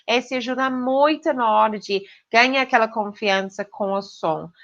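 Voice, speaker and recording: A woman's voice: on the high side, normal speed, a bit bright, muffled recording. A woman with an English accent, a native English speaker, giving an online pronunciation lesson and checking in often with her students. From Britain. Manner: clear teaching tone with frequent "ok?" check-ins. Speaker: English teacher.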